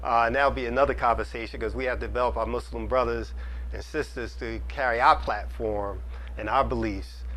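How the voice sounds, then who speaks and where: A man's voice: mid-range voice, steady tone, a little fast, fairly bright tone, slight background noise. A middle-aged man answering an audience question in a mosque hall, earnest and advising, often repeating phrases for emphasis. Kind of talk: community Q&A talk.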